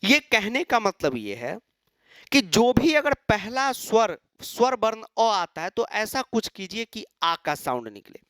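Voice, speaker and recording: A man's voice: high voice, big pitch swings, measured pace, sharp tone, smooth, dry recording, clean studio sound. A man teaching an exam-prep lecture, asking and answering his own questions and mimicking students.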